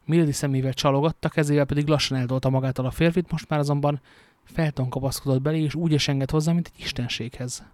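A man narrating a novel in a measured, dramatic audiobook reading. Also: fairly high pitch, steady tone, a little mellow, no echo.

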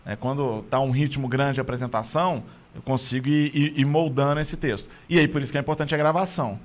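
A man's voice: mid-range voice, steady tone, fast. A man, a stand-up comedian talking casually and explaining his process in long, thoughtful stretches. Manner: thoughtful, explains at length with restarts. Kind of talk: casual chat.

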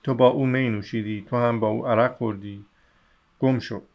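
A man's voice: medium pitch, fairly even intonation, close to an everyday voice. A man reading aloud the lines of a furious, desperate poor mother and wife, scolding in an angry outburst. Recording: slightly dull lo-fi audio.

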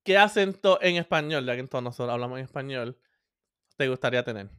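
A man's voice: mid-range voice, expressive, quick pace, a bit bright, clean tone, no echo, clean studio sound. A young man with a Puerto Rican accent in a casual chat, mixing English words into his Spanish. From Puerto Rico.

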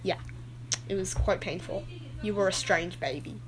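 A woman's voice: mid-range voice, normal speed, a little hiss or hum, close to an everyday voice, rough recording. A woman voicing a goofy, rambling adult male dad who keeps getting sidetracked in his story.

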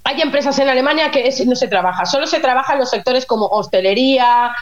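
A woman working as a nurse in Germany, explaining things in an animated, chatty way as a guest on a radio interview. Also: high-pitched, quick pace, muffled recording. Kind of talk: casual radio interview chat.

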